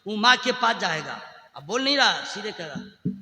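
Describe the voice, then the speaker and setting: A man preaching a sermon, swinging between loud chanted shouting and quiet conversational asides, sometimes singing Arabic verses. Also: high-pitched, very animated, moderate pace. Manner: chants Quranic Arabic in a sung tone. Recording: echoey hall with long reverb.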